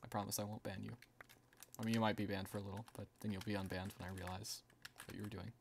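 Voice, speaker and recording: Guy streaming a game, kinda low voice, rambly chatty, reads chat out loud, faint keyboard clicks in the back. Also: level tone, fast talker, vocal fry, a little hiss or hum. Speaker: livestreamer. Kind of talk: casual gaming stream chat.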